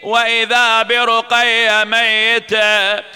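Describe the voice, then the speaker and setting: A man recites a dramatic, mournful religious elegy, partly chanted. His voice sits very high and rings smooth and resonant. A long hall reverb trails each phrase. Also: monotone, slow pace, bright, forceful tone, soft background music. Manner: dramatic, tearful lamenting delivery.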